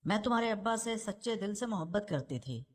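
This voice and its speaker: A widowed middle-aged mother in a read-aloud novel answers sharply and defensively, as a woman narrator puts her on. Her voice stays close to the reader's own, with a mid pitch for a woman. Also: lively intonation, natural voice.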